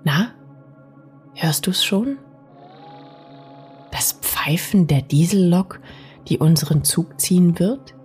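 A woman narrates a bedtime sleep story in a soft, soothing, partly whispery way, speaking intimately to the listener. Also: lowish voice, lively intonation, slow pace, long pauses. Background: music.

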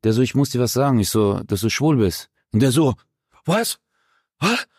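Lively, slangy male comedian guest. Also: fast, no echo, clean studio sound. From Germany. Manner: animated storyteller, slangy, swings pitch widely. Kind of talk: casual interview chat.

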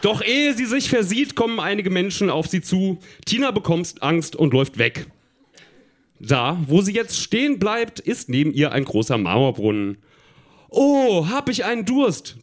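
A man's voice: on the high side, animated, moderate pace. A man on a live stage reading aloud his own childhood story, amused and laughing along. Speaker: reader at a live reading show. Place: live stage before an audience.

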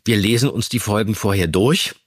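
A man co-hosting a podcast in casual chat, lively and animated, sometimes reading listener mail aloud. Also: on the low side, normal speed, no echo, studio quality. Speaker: podcast co-host.

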